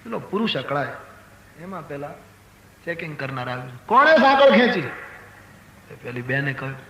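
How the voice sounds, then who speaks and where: A man's voice: medium pitch, normal speed, bright, forceful tone, a little hiss or hum. An older man giving a religious discourse, telling anecdotes and acting out the characters in a raised voice. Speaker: spiritual storyteller. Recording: echoey hall with faint ambience.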